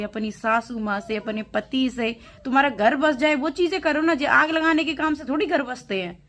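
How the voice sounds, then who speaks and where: A woman talking straight to camera, speaking with indignation and lecturing her critics. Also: a little high. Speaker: vlogger. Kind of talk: direct-to-camera reply to critics.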